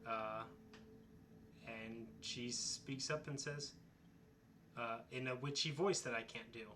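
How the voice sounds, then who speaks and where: A man narrating as dungeon master, halting and unhurried with fillers. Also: mid-range voice, steady tone, pushed and bright, a little hiss or hum. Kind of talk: narrating a tabletop game.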